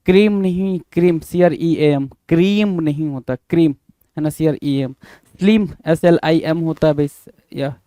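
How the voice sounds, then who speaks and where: A male exam prep teacher, briskly going through a spelling quiz, spelling each word letter by letter and often saying bhai. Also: on the high side, mellow, dry recording. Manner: brisk, repeats and spells words letter by letter, calls listeners bhai.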